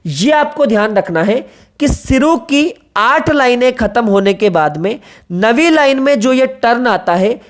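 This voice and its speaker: A woman's voice: a little high, lively intonation, a little slow. A woman teaching an exam-prep literature lecture, explaining step by step, repeating key terms, spelling them out letter by letter and checking in with rhetorical questions.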